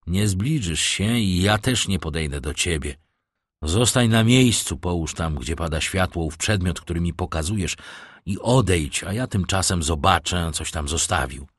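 A man's voice: low-pitched, animated, normal speed, dry recording, studio quality. A man voicing a brave, stern young male guard in an audiobook, speaking in a firm, commanding way.

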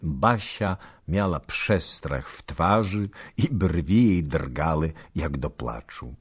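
A man narrating a historical novel in an unhurried, expressive reading. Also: rumbling low, slightly rough. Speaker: audiobook narrator.

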